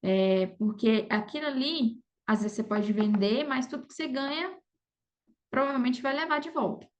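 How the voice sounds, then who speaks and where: Guesting on a podcast, this affiliate marketer speaks with a Brazilian Portuguese accent in a high-sitting voice at a moderate pace. Her advice is casual and informal, peppered with check-in tag questions, and the audio is slightly lo-fi.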